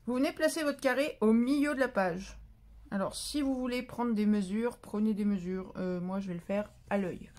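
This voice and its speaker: A woman with a mid-range, darkish voice talks at normal speed through a casual papercraft tutorial. She's chatty, stumbles over words and corrects herself mid-sentence, and between steps she scolds and coos at her cat.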